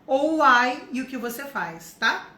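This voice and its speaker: A Brazilian woman teaching English to adults in a live online lesson, chatty and explaining step by step, saying the English phrases slowly. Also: sits high, animated, bright, forceful tone. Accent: Brazilian Portuguese. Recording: echoey room with faint noise.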